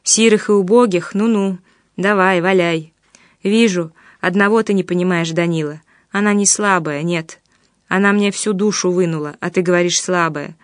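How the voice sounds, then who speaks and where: A woman voicing a tormented young man who speaks low, hushed and intensely. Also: fairly even intonation, moderate pace, no echo, clean studio sound, lightly acted. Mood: bitter mocking.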